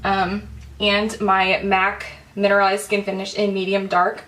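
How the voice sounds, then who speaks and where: A woman's voice: medium pitch, monotone, unhurried, fairly bright tone, distant mic. A young woman chatting casually through a makeup tutorial at home, full of "like" and "um" fillers. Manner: chatty, filler-heavy, says "like" often. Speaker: beauty vlogger.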